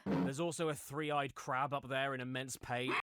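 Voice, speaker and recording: A man's voice: mid-range voice, moderate pace, fairly bright tone, clear, resonant tone, dry recording, clean studio sound. A man narrating a comedic game review in a sarcastic, mock-dramatic way. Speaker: video essay narrator.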